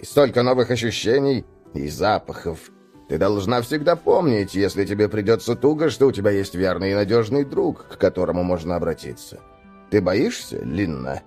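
A man's voice: fairly low pitch, darkish tone. Man doing a fawning, lecherous traveler.

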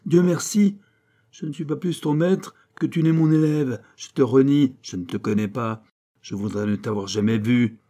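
A man voicing a furious old priest schoolmaster in an audiobook, shouting heavy-accented scolds. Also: medium pitch, measured pace, hardly any pauses, lightly acted. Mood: indignant.

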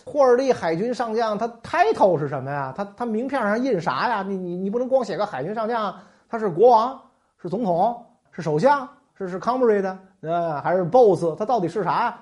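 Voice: medium pitch, lively intonation, moderate pace, a little mellow, voice pushed up, lightly acted. A storyteller voicing a flustered, baffled rookie male government clerk in a comic history tale. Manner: baffled, exasperated, crude.

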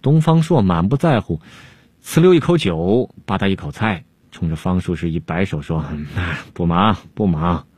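A man's voice: low-pitched, expressive, normal speed, warm tone, breathy edge, no echo. A man narrating a traditional tale expressively. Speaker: storyteller. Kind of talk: storytelling narration.

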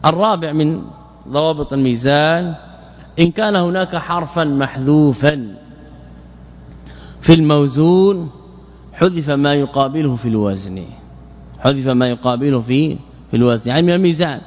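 A man's voice: on the high side, normal speed, pauses often, a little mellow. Man lecturing in a reverberant hall. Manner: repeats words, asks and answers his own questions. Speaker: sheikh teaching Arabic morphology. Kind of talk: classroom lecture explaining grammar.

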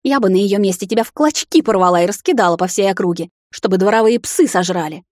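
A woman voicing a fierce, protective vampire mother who snarls and shouts in rage, in a storybook reading. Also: mid-range voice, fairly quick, husky, no echo, clean studio sound. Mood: furious.

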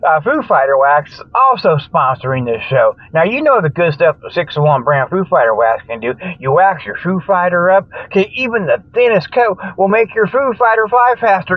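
An older man with a high voice hosts a comic radio show, wandering through a jokey, folksy monologue with pretend sponsor plugs while chuckling at himself and losing track of what he was saying. There is no room sound, and the audio has a dull, dry, lo-fi radio quality.

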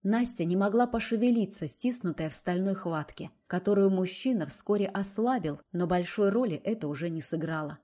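A woman narrating a romance novel in an even, measured storytelling voice. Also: mid-range voice. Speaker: audiobook narrator.

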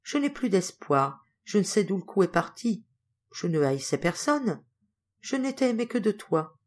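A woman reading the part of a dying older male painter who speaks slowly and faintly, his words broken. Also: medium pitch, very animated, darkish tone. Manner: slow, faint, broken speech. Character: dying old male painter, weak and tender.

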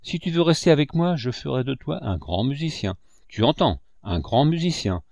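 A man's voice: mid-range voice, lively intonation, normal speed, gravelly, a little mellow, no echo, studio quality. A man voicing a jovial, boastful middle-aged barber who is also a musician, speaking in an exuberant, declamatory way. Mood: enthusiastic. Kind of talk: audiobook character voice.

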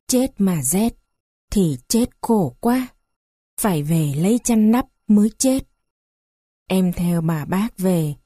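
A woman reading a story aloud in a slow, measured narration. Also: mid-range voice, mellow, dry recording, studio quality.

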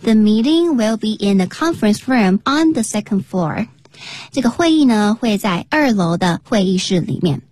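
A woman's voice: medium pitch, expressive, normal speed, a little mellow, no room sound. A woman co-hosting a radio English lesson, reading dialogue lines and explaining them carefully. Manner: clear, careful explanations, spells words out. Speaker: English teacher, radio co-host. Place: radio studio.

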